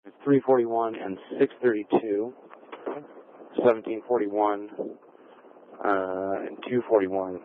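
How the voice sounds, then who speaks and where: A man's voice: lowish voice, steady tone, slow pace, long pauses, slight background noise. A man speaking over a police-style radio transmission as a fire incident command operator, using clipped radio call procedure. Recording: muffled scanner radio audio.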